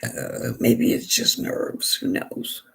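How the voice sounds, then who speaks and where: A hoarse woman with a gravelly, raspy voice, chatting in a rambling way and restarting often while she does her makeup for a vlog. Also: takes it slowly, fairly bright tone. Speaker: beauty vlogger. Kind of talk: casual chat while doing makeup.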